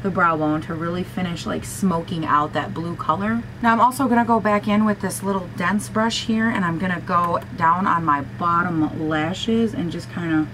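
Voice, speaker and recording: A young woman in her twenties, working as a beauty vlogger, chats through a casual makeup tutorial in a small room at home, gushing over colors, teasing herself and talking to herself. Her raspy voice sits a little low and moves at a moderate pace with few pauses. A faint hiss runs under her close camera mic.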